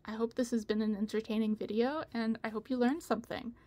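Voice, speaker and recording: A woman's voice: fairly high pitch, steady tone, quick pace, warm tone. A woman hosting a casual video from home, rambling and chatty with frequent laughter. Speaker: video host.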